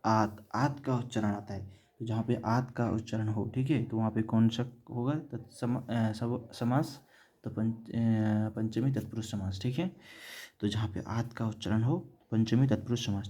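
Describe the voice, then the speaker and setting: A man teaching Sanskrit grammar in a classroom-style lesson, repeating each word slowly and asking and answering his own questions. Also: lowish voice, dark tone, breathy edge. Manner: says "theek hai" after nearly every point.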